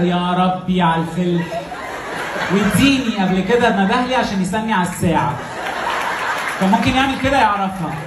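A young man with an Egyptian accent doing an exasperated, animated stand-up comedy rant on stage, acting out exchanges into a handheld microphone. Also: high voice. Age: young adult. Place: indoor comedy club stage. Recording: echoey, noisy live club with laughing crowd. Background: audience laughter.

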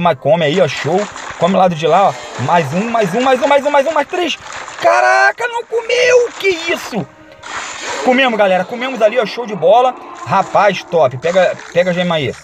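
A young Brazilian man with a Brazilian accent giving excitable gameplay commentary, shouting and chanting in the busy moments. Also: high voice, noisy background. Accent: Brazilian Portuguese. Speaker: gaming YouTuber. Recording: loud game music underneath.

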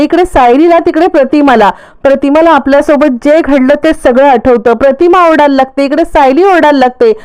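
A woman narrating a casual, lively recap of a television serial's plot. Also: sits high.

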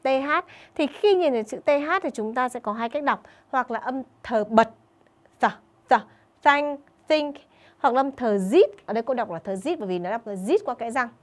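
Higher-voiced woman teaching English. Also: lively intonation. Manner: keeps checking in with pupils and slows down to model English sentences. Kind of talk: online video lesson for schoolchildren.

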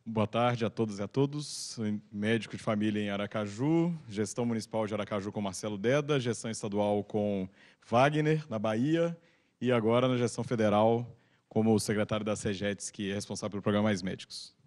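A man, a family doctor and federal official, introducing himself briskly and formally into a handheld microphone. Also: on the low side, darkish tone.

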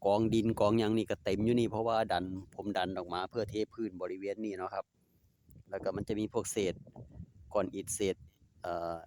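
His voice is lowish and darkish, fairly quick, with little pitch movement. A DIY vlogger with an Isan accent from Northeastern Thailand, he talks casually and politely while working in his yard, easygoing and chatty, using polite particles and addressing his dogs.

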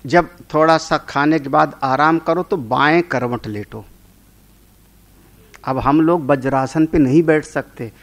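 Slow, fairly high-voiced male preacher. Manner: conversational, often checking with listeners; tells homely stories. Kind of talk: sermon on scripture.

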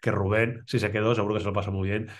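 Spanish guy chatting fast on a podcast, lowish voice, swears a lot and laughs. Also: little pitch movement. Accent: Spain Spanish. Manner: laughs often, swears casually, restarts words. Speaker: podcast host. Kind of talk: casual chat.

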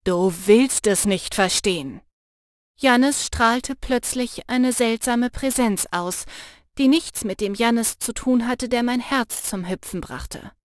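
A woman narrating a first-person fantasy audiobook with lively, expressive storytelling. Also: fairly high pitch, takes it slowly, no echo, clean studio sound.

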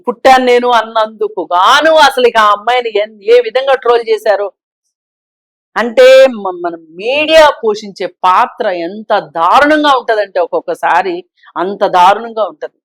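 A woman guest on a talk show, giving her opinions forcefully and pressing her point with rhetorical questions. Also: a little high, normal speed, dry recording. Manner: emphatic, argues with rhetorical questions. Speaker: social commentator guest.

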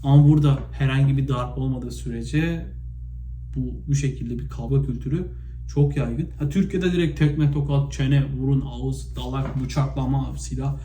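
A man from Turkey vlogging in a casual, spontaneous monologue, retelling stories with lots of fillers and animated bursts. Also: medium pitch, normal speed. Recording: echoey room, faint background noise.

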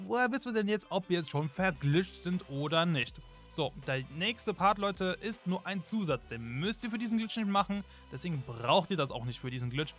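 A young gaming YouTuber narrates a game tutorial in a chatty way, constantly addressing his viewers. His voice is on the high side and a bit bright, with faint music in the background.

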